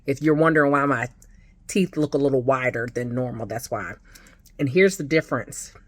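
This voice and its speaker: A woman's voice: very deep voice, moderate pace. A woman vlogging casually about her new teeth, effusive and chatty, with a slight lisp. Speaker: customer sharing her experience. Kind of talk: casual selfie vlog.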